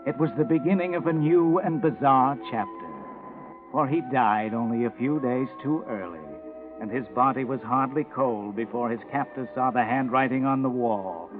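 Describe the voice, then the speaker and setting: Casting: male actor as sinister night-walking storyteller for vintage radio mystery, theatrical, medium pitch, thin sound over clear music. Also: close to an everyday voice. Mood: grim, suspenseful. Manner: ominous, theatrical, measured. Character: The Whistler, ominous all-knowing night-walking mystery narrator. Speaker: narrator. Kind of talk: 1940s radio mystery narration. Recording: narrow, tinny 1940s radio recording.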